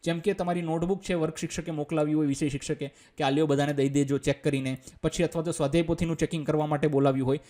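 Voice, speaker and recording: Speaking in a slightly high, gently mellow voice, this Gujarati-accented male teacher reads out lines of English and breaks them down simply. His tone stays steady as he talks very fast with few pauses, walking through each step casually and answering his own questions.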